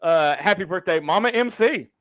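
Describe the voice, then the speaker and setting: A man's voice: sits high, expressive, moderate pace, fairly bright tone. A man hosting a casual sports talk show, speaking in an opinionated, emphatic way. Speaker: sports podcast host.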